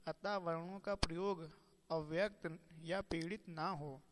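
Man lecturing slowly in a reverberant room. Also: on the high side, fairly even intonation, noisy background. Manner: measured, slows to chant quoted verses. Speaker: teacher. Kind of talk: lecture on Sanskrit pronunciation.

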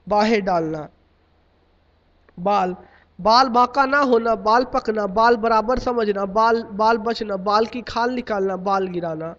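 A man reading out a long list of idioms in a steady, list-like cadence, like a lesson. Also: high-pitched. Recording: dull lo-fi recording.

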